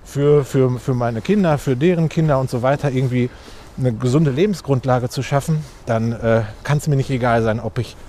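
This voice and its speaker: A man's voice: mid-range voice, moderate pace, mellow, a little hiss or hum. A man, answering interview questions outdoors with many fillers and restarts. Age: 40s. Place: outdoors on a street.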